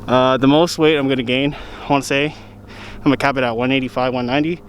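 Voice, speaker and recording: A man's voice: medium pitch, fairly even intonation, quick pace, slight background noise. Laid-back young man, vlog voice-over. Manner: laid-back, slangy, matter-of-fact. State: out of breath while hiking. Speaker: fitness vlogger.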